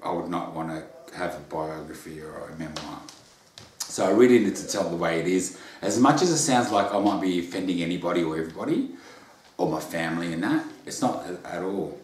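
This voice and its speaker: A man's voice: low-pitched, fairly quick, a little hiss or hum. An Australian man being interviewed about his memoir, talking in a bubbly, earnest way with repeated words. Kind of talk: casual interview chat. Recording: roomy echo.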